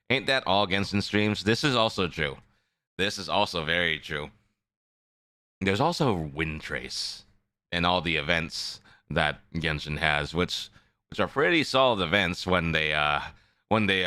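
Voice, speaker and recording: A man's voice: deep voice, measured pace, sharp tone, clear, resonant tone, dry recording, studio quality. A man chatting casually on a livestream as the host, rambling and often repeating his phrases. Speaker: live streamer, VTuber host. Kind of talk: casual livestream chat with viewers.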